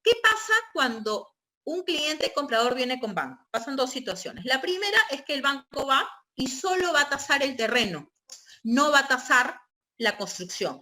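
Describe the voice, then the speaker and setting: Speaking at normal speed in a high, animated, pushed and bright voice, a woman leads an online real estate training. Her explanations go step by step, and she uses tag questions to check in with her audience.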